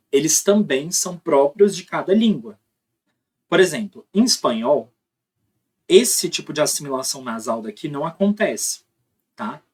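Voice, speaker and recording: A man's voice: a little high, breathy edge. A man with a Brazilian Portuguese accent teaching a recorded phonology lesson, explaining step by step, sounding out examples aloud and checking in with tag questions. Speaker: linguistics teacher.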